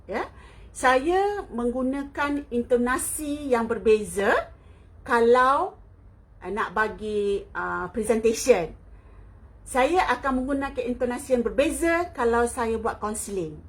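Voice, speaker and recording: Chatty high-voiced Malaysian woman. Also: animated, slow. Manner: chatty, laughs often, mixes in English. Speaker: online talk host. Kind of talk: live-stream chat answering viewers.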